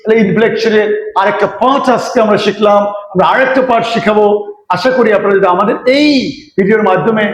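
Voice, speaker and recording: A man giving a spoken pronunciation lesson, drilling word lists slowly and quizzing his students with repeated questions. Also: high voice. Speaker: English teacher. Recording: roomy echo.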